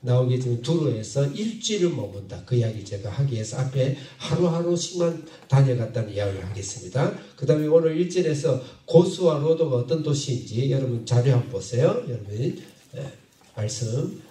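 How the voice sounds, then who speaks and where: A man preaching a sermon as pastor, halting and repeating phrases, often asking his congregation questions. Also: medium pitch, expressive, dark tone. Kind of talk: sermon with Bible reading. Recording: echoey hall from far off.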